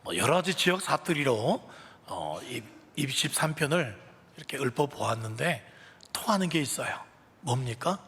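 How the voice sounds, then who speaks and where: A man's voice: mid-range voice, sing-song, normal speed, fairly bright tone, husky. A man preaching a sermon as pastor, talking in a conversational way and leading the congregation in call-and-response. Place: church sanctuary. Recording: reverberant church hall.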